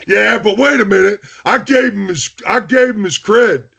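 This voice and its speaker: A man with a high-sitting, creaky, slightly bright voice and a breathy edge speaks at a moderate pace. Hosting a podcast, he tells jokey stories about his team in casual chat, full of restarts and "hey."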